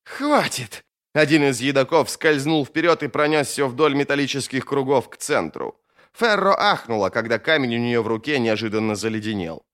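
A man narrating a fantasy novel as an audiobook in a steady, expressive storytelling manner. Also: mid-range voice, brisk.

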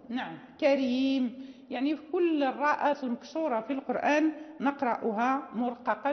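A woman teaching the rules of Quran recitation, explaining patiently and repeating examples slowly with many pauses and fillers. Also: high-pitched. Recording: roomy, reverberant, dull lo-fi recording.

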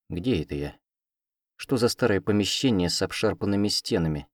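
A man reading a story aloud as scripted narration, in a steady, expressive storytelling manner. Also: sits low, no room sound, studio quality. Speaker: audiobook reader.

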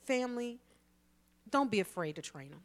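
A woman co-hosting a talk radio show, candid and storytelling, with deadpan asides. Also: a little high, moderate pace. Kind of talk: casual frank chat.

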